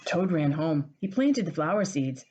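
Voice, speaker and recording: A woman reading a storybook aloud to young children in an expressive teacherly way. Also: deep voice, measured pace, a little hiss or hum. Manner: expressive, addressing small children.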